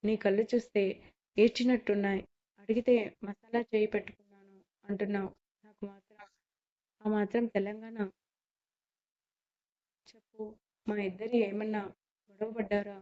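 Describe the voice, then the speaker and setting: A woman voicing a caring middle-aged mother-in-law who speaks gently and coaxingly, on a slightly muffled recording. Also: mid-range voice, little pitch movement, brisk, pauses often, lightly acted. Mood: tender.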